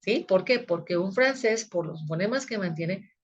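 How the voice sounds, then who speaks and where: A woman's voice: medium pitch, animated, moderate pace, husky, highs cut off. A woman, teaching a recorded video lecture in a conversational way that often checks her listeners are following. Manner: conversational, frequent checking tags.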